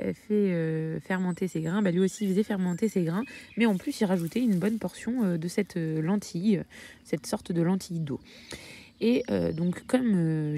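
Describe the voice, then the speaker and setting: A woman's voice: lowish voice, vocal fry, mellow. A woman from France talking casually about her hens in a homestead vlog, hesitating often with filler sounds. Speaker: backyard poultry keeper.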